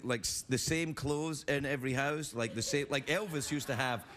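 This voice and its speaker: A man's voice: mid-range voice, normal speed. A man hosting a late-night talk show, joking and teasing his guest in sarcastic banter. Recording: loud noise behind the voice.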